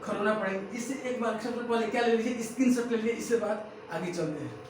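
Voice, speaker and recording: A man's voice: high-pitched, fast talker. A man teaching English pronunciation, repeating each word and quizzing the listener again and again. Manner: drills words by repetition, keeps asking "what?". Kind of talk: pronunciation drill lesson. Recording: echoey room, mic far off, faint noise.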